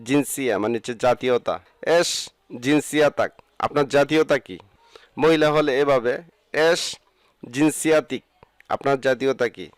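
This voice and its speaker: A man teaching a language lesson, saying each phrase slowly and then explaining what it means. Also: mid-range voice, dry recording. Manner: says each Arabic phrase slowly, then gives its meaning.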